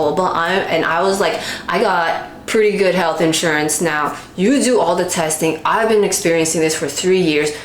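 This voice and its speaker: A young woman casually telling a personal story, rambling with fillers and acting out the quoted lines. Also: fairly low pitch. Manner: animated, acts out quoted lines with sudden yelps. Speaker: video creator. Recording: echoey room, faint background noise.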